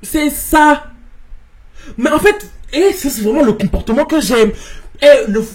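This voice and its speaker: A man from France hosting, casually reading viewers' stories aloud and commenting on them. He talks in an animated way, repeats words and mixes in English slang. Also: very high-pitched, a little slow.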